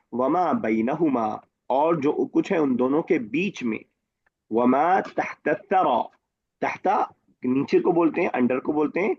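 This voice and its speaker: A man's voice: a little high, husky, no room sound. A man teaching an Arabic lesson online, explaining each word step by step and often checking that students follow. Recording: dull dry online-call audio.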